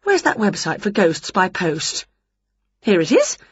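Lady doing a squeaky overexcited witch, big swoopy storybook voice, kinda husky. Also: huge pitch swings, measured pace, muffled recording, full character voice. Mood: whining. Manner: high, breathless, exclaiming. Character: excitable dramatic female witch, impatient.

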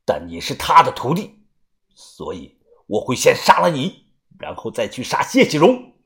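A man voicing a cold, vengeful young man who came back from death, speaking low and quiet. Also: wildly swooping pitch, normal speed, creaky, full character voice. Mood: cold menace.

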